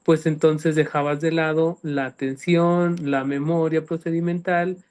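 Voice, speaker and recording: During a panel talk, a male speech-language specialist explains clinical terms in a didactic way, often checking that listeners follow with "¿sí me explico?". His voice is on the high side with little pitch movement, unhurried, darkish, clear and resonant.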